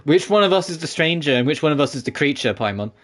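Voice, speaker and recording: A man's voice: on the high side, animated, fast talker. A man giving casual, rambling commentary while playing a game, laughing often. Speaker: gaming streamer.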